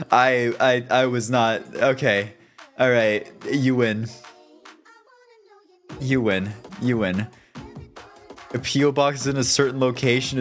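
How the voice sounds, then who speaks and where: A young man from the United States rants at his stream chat, tripping over his words and swearing freely. His voice sits at a middling pitch, with faint music playing behind him. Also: a bit bright. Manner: rambling, profane, stammering restarts, ranting.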